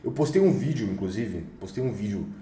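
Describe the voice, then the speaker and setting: A man's voice: on the low side, expressive, fairly quick, dark tone, slight background noise. A young Brazilian man with a Brazilian Portuguese accent giving a casual motivational lesson in an emphatic, slangy way that sometimes swears. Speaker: online course instructor. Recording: roomy echo, a bit far from the mic.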